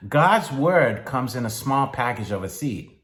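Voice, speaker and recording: A man giving a motivational sermon in a slow, deliberate way with long pauses. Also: mid-range voice, big pitch swings, a bit bright. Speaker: speaker. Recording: echoey room.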